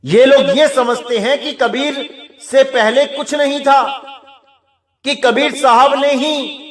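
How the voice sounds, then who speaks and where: A man's voice: very high voice, steady tone, slow pace, a bit bright. A man giving an earnest devotional sermon, urging his listeners and calling them brothers. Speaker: preacher.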